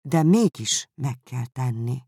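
A weary, sardonic older father speaks in a low, unhurried tone, voiced by a male audiobook reader. His voice is gravelly and the recording dry and close. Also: animated, darkish tone, dry recording. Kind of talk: audiobook character reading.

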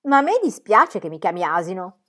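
A woman reading the part of a kindly, teasing middle-aged male country doctor, dry and gently mocking. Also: on the low side, sing-song, fairly quick. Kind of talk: audiobook character reading.

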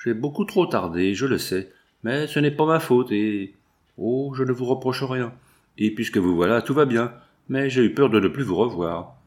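A man's voice: medium pitch, moderate pace, darkish tone, close to an everyday voice. A man voicing an anxious young woman who speaks with urgent, earnest pleading, in a narrated novel.

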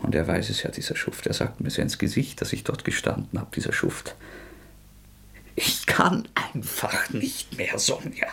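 Playing a tormented young murderer in a radio drama, a male actor swings among bitter ridicule, feverish eruptions and whispered lines. His lowish, gravelly, husky voice is exaggerated, with big pitch swings, a quick pace and hardly any pauses.

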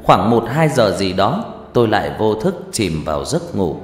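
A man's voice: lowish voice, big pitch swings, normal speed. Man telling a dramatic ghost story. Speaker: narrator. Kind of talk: first-person ghost story narration. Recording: reverberant room with faint music.

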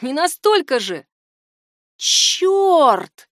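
A woman reading an audiobook, voicing a brash, scheming teenage boy who taunts and threatens in loud outbursts. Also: fairly high pitch, animated, moderate pace, no echo, studio quality. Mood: excited, accusing.

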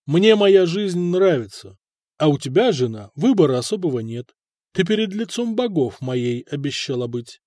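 Audiobook: male narrator as a cold, stubborn prince, firm and cutting, fairly high voice, dry close sound. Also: big pitch swings, moderate pace, warm tone, no echo. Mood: stern. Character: stern, cold middle-aged prince, stubborn ruler.

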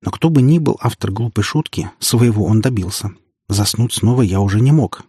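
A man reading a first-person audiobook in a steady, matter-of-fact manner. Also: lowish voice, normal speed, husky, no echo, clean studio sound. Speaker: audiobook narrator.

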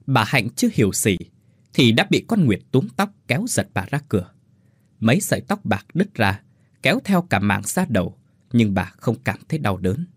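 A man's voice: medium pitch, big pitch swings, normal speed, husky, dry recording. A man narrating a dramatic folk story in an emotive storytelling manner.

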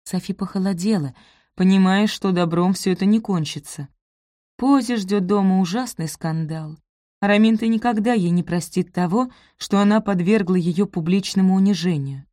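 A woman's voice: medium pitch, normal speed, warm tone, no room sound, clean studio sound. A woman narrating a novel as an audiobook, reading expressively and giving each character a voice.

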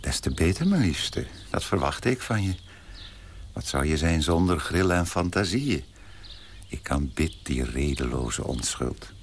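A man playing a pompous, prim young gentleman in a radio play, turning indignant and shrill when shocked. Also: lively intonation, unhurried, slight background noise, exaggerated voice. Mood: adoring.

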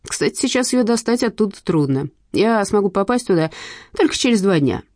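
A woman's voice: medium pitch, lively intonation, a little fast, darkish tone, dry recording, lightly acted. A woman voicing a long-haired young man who speaks coldly and dryly. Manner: cold, dry, gloomy.

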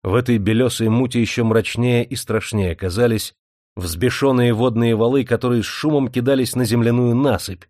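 A man narrating a novel in steady, measured storytelling. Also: mid-range voice, dry recording. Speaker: audiobook narrator. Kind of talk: scripted narration. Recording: dry studio audiobook recording.

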